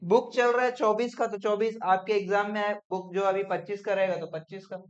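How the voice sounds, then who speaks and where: A man teaching accounts in a classroom lecture, brisk and coaxing, often checking whether students follow. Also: high voice, steady tone. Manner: brisk, coaxing, peppered with "theek hai?". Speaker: commerce teacher. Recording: dull lo-fi classroom recording.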